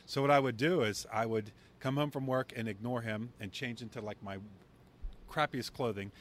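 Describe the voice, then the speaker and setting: A man's voice: mid-range voice, moderate pace, a little hiss or hum. A man hosting a podcast, chatting candidly and laughing easily in an outdoor courtyard. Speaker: podcast host. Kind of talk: casual conversation.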